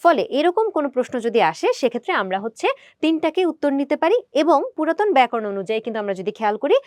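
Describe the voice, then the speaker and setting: A woman's voice: sits high, very animated, a little mellow, no room sound, clean studio sound. A young woman teacher explaining grammar in an exam prep lesson, talking straight to her students. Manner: brisk, explanatory, addresses students directly.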